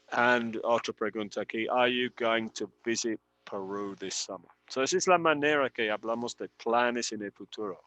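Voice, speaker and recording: Slow, bright-voiced male language teacher. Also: mid-range voice, no echo. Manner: slow, patient, repeats example sentences for students. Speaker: English teacher. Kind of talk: live online language class.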